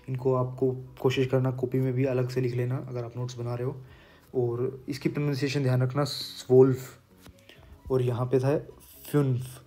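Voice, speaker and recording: Young man, patient language teacher, mellow even voice, faint music behind. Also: medium pitch. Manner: patient, repeats words slowly for pronunciation. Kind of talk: explaining lesson while writing on a board.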